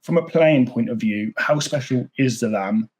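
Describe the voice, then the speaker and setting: A man's voice: medium pitch, normal speed, darkish tone, rough recording. A man hosting a football podcast, chatting enthusiastically as a fan and often repeating words as he goes. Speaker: podcast host. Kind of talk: casual interview.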